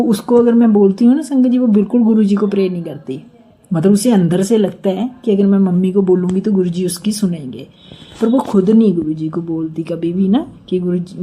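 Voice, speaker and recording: A middle-aged woman from India recounts a personal devotional story to her listeners. Her voice is very soft, dark and mellow, sitting at an ordinary pitch. She talks in an earnest, rambling way and keeps turning to her audience. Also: slightly rough. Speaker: devotee sharing a testimony. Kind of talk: spoken devotional testimony.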